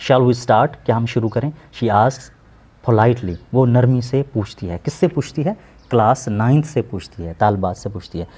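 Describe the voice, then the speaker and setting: A man's voice: mid-range voice, warm tone. Patient male teacher. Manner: patient, repeats and glosses each word slowly. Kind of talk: explaining an English textbook lesson.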